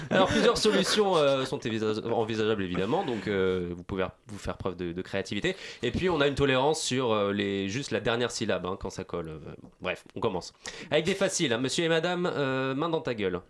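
A man's voice: medium pitch, very animated, brisk. A man with a French accent hosting a radio quiz game, giggling and hesitant, full of fillers. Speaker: radio show host.

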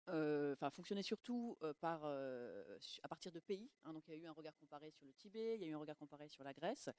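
A woman's voice: medium pitch, warm tone, no room sound. A woman university lecturer speaking as a radio guest, hesitating and restarting often. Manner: hesitant, many fillers and restarts. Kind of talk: radio panel talk.

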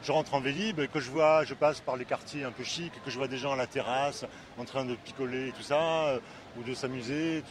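A man's voice: medium pitch, steady tone, brisk. A man talking earnestly about volunteering as a French teacher, hesitating and restarting his sentences. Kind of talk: personal testimony. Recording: noisy street recording.

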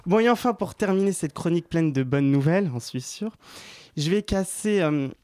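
A man's voice: fairly high pitch, lively intonation, moderate pace, darkish tone. A man giving a playful health column on the radio, chatty and joking, laughing often in a studio. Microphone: studio microphone.

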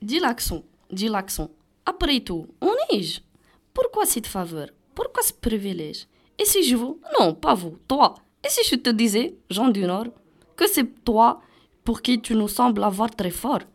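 A teenage girl reading a poem aloud on a student radio show, with expressive delivery. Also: on the high side, measured pace. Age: late teens. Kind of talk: dramatic poetry reading.

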